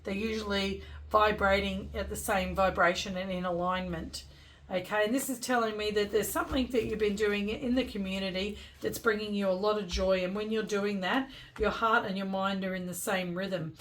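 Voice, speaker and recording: Give the voice of a woman fortune teller at an ordinary middle pitch. She reads oracle cards off the cuff, pondering aloud and speaking straight to the listener with gentle advice. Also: steady tone, normal speed, a little hiss or hum, rough recording. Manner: gentle advising, thinking aloud, addressing the listener directly. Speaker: tarot and oracle card reader. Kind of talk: fortune teller giving an oracle card reading, unscripted.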